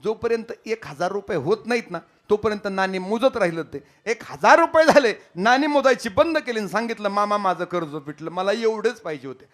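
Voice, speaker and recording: A man preaching a devotional kirtan sermon. He tells stories and speaks straight to his listeners, moving between quiet asides and loud exclamations. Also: animated, brisk, few pauses. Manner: storytelling, swings between soft asides and loud high exclamations; addresses the audience directly.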